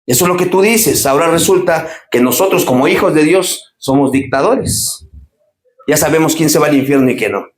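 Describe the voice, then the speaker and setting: A man's voice: animated, normal speed. Impassioned man preaching, echoey room. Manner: impassioned preaching, swinging between raised pitch and low, quiet asides. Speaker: pastor. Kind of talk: sermon. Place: church.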